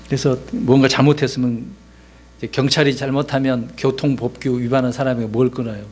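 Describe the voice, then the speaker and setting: A man's voice: mid-range voice, level tone, fairly quick, darkish tone. Korean man preaching a conversational sermon. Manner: conversational preaching with rhetorical questions, acts out quoted lines. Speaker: pastor.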